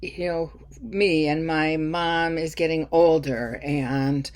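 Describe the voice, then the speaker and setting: A woman's voice: deep voice, fairly even intonation, takes it slowly, darkish tone. A middle-aged woman giving a lecture to her class in a casual, chatty way, with many fillers and restarts. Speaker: instructor.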